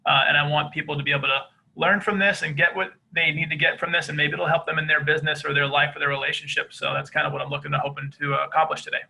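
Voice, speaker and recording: A man from East Boston with a softened Boston accent, telling his life story earnestly in a podcast interview. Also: on the high side, level tone, rapid-fire, creaky, few pauses, slightly rough, rough recording. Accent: Boston, softened by years in Georgia. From East Boston, Massachusetts. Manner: earnest, open, many fillers. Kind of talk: candid conversational interview.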